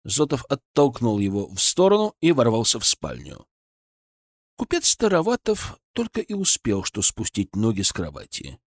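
Lively male audiobook narrator. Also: medium pitch, normal speed, dry recording, clean studio sound. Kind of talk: scripted first-person fiction narration.

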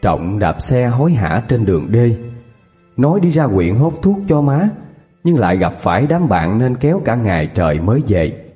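A man with a Southern Vietnamese accent narrating a scripted horror story in a steady manner. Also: medium pitch, normal speed, lo-fi sound. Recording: long reverb with faint music.

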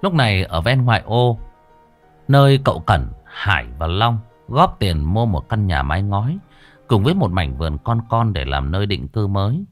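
Expressive man telling a horror story. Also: on the low side, moderate pace, soft background music. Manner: expressive, dramatic. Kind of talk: scripted horror story narration.

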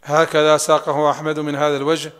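A man reading a classical text aloud to a sheikh in a steady, even recitation. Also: on the high side, quick pace, smooth. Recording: long hall reverb.

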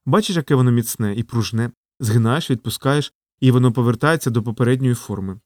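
A man's voice: mid-range voice, brisk, darkish tone, no echo, clean studio sound, close to an everyday voice. A man voicing an earnest, worried young man in an audiobook, in a plain, natural voice.

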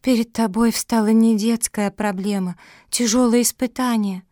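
Wise patient girl dog read by a woman, calm, explaining, storybook, dry close sound. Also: on the high side, normal speed, dry recording, natural voice. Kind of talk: storybook reading.

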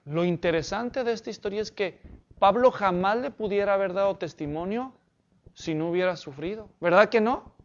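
A man's voice: high-pitched, normal speed, lo-fi sound. A man preaching a sermon as pastor, emphatic and often asking the congregation questions.

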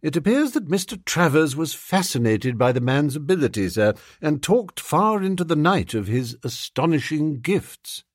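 A man doing a low, unruffled valet. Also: very animated, dry recording, clean studio sound. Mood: composed. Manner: low, measured, formal and unruffled. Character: imperturbable, deferential manservant.

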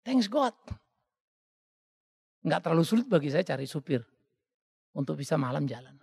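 Lively, gravelly-voiced preacher in a reverberant hall. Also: male voice, fairly high pitch, normal speed. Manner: animated, joking, acts out quoted voices. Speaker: pastor. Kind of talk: sermon.

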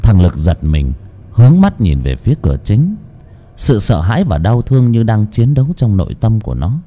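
A man's voice: lowish voice, big pitch swings, moderate pace, dark tone. A man narrating a horror audiobook in a suspenseful, dramatic way.

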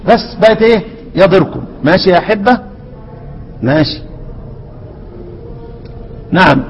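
A man with an Egyptian accent teaching a lesson on Quran readings, quizzing his students with rhetorical questions and slowly repeating words. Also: high voice, expressive, long reverb tail, highs cut off, slight background noise. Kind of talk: lesson explaining a classical poem on Quran readings.

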